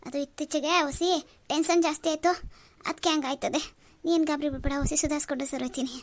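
A woman voicing an ailing elderly father in a cartoon, talking softly and tiredly. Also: sits high, steady tone, fast talker. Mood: weary, soothing. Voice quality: soft, tired. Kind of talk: Kannada cartoon voice acting.

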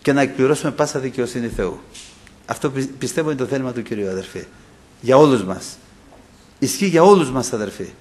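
Animated man preaching. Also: a little high. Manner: impassioned preaching, acting out quoted voices, often addressing "brothers". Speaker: pastor. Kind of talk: sermon.

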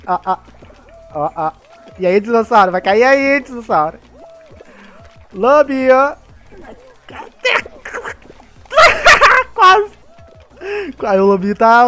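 A man with a Brazilian accent giving excitable gameplay commentary, laughing often and talking to the other players. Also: high voice. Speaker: gamer.

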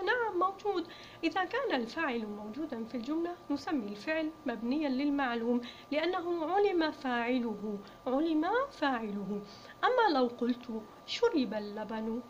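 Woman, high voice, grammar teacher, asks and answers her own questions, repeats words slowly, dull recording. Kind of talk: classroom grammar lesson. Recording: dull lo-fi sound with faint noise.

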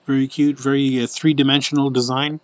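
A man's voice: mid-range voice, level tone, brisk, dry recording. Man chatting through a dull, dry recording. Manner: chatty and rambling, with many fillers. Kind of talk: casual live product showcase.

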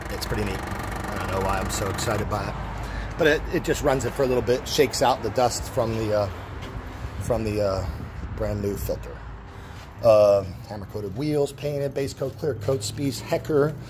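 A middle-aged man rambles through a casual walkthrough, often restarting his sentences. He is recorded outdoors on a camera mic, with clear background noise under his voice. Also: on the low side, moderate pace. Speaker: seller showing a machine.

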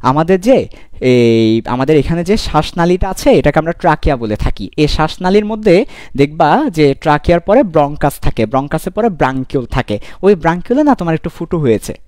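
A man voicing a calm male doctor who patiently explains a diagnosis in a slow, reassuring way. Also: fairly high pitch, no room sound, clean studio sound.

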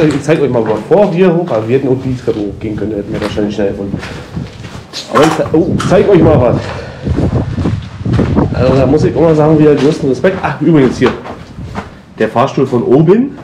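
A man's voice: mid-range voice, expressive, brisk, pauses often. A man chatting casually and slangily while exploring an empty building, addressing his viewers as a vlogger. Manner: colloquial, slangy. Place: inside an empty concrete apartment block. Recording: echoey empty rooms, clear handling noise.

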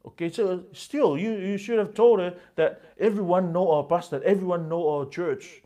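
A man's voice: high-pitched, normal speed, mellow, voice pushed up, close to an everyday voice. A man voicing a proud churchgoing husband who presses his wife with exasperated, demanding questions. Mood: indignant.

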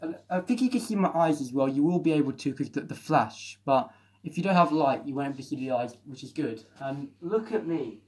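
A man chatting excitedly through a helmet mask, reviewing the helmet in a casual vlog. He talks indoors at home. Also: fairly high pitch, fairly quick, slight background noise, poor audio. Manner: chatty and excitable, with frequent restarts. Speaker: product reviewer.

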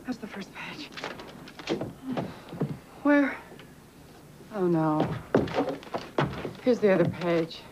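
A woman's voice: fairly low pitch, animated, very slow, long pauses. An actress playing a worried woman who thinks aloud while she searches for lost pets, heard from a worn VHS tape copy. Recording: dull hissy worn tape dub.

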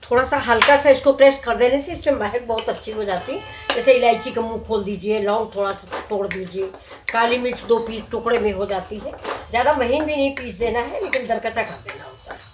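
A woman's voice: fairly high pitch, a little fast. A woman hosting a home cooking demonstration, chatting to viewers and explaining each step. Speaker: cooking channel host. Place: home kitchen with tiled walls. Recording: echoey kitchen with noise.

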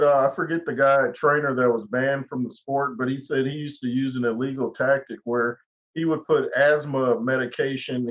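A man hosting a casual video chat, relaxed and full of fillers like "uh" and "man". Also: mid-range voice. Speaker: host. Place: small room indoors. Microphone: video call webcam. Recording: dull lo-fi call audio.

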